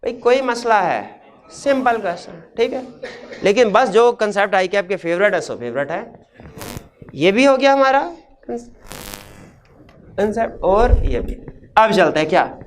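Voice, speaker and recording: A man's voice: high voice, expressive, measured pace, long pauses, a little hiss or hum. A man lecturing on accounting, asking his class questions and answering them himself, step by step. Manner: explains step by step, asks and answers own questions.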